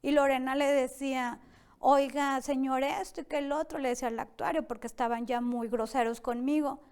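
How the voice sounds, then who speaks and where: A woman's voice: sits high, fairly even intonation, normal speed, a little mellow, clean tone. A young woman giving a tense, emotional account of her own experience as an interview guest. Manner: tense, recounting events with many quoted exchanges. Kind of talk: emotional personal testimony.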